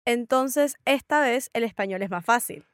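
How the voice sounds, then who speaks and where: A woman's voice: fairly high pitch, normal speed, no room sound, clean studio sound. A woman learning English, repeating each word after her teacher and asking curious questions. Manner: repeats words back, asks curious questions. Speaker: student. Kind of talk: language lesson dialogue.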